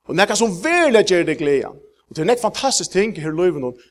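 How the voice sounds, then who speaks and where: A man's voice: high-pitched, big pitch swings. Emphatic preacher, man. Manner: halting with many fillers, rising to emphatic peaks. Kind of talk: sermon.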